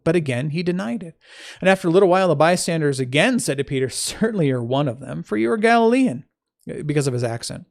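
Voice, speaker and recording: A man's voice: a little high, creaky. A man reading scripture aloud. He stops to correct his own slips and adds informal asides between the verses. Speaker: Bible reader.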